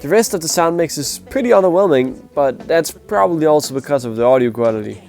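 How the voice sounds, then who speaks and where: A slightly high, dark-ish, creaky male voice moves at a quick, expressive pace over faint music. Sounding sick and nasal, this music performance reviewer gives blunt opinions and scores in a casual video review.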